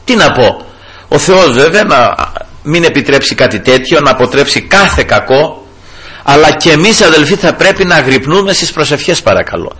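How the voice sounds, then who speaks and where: Fervent bright-voiced preacher man. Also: on the high side, lively intonation, breathy edge. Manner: fervent, repeats "brothers" and "glory to the Lord". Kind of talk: evangelical sermon with personal story.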